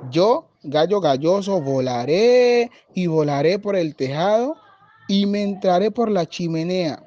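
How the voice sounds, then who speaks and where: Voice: mid-range voice, expressive, measured pace, warm tone, lightly acted. A storyteller voicing a proud, boastful rooster in a children's tale, on a dull lo-fi recording.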